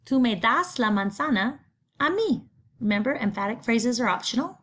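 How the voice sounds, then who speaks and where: A woman's voice: on the high side, expressive, normal speed, fairly bright tone. A middle-aged woman, patiently teaching a recorded Spanish lesson, explaining grammar step by step. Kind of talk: recorded remote class lesson.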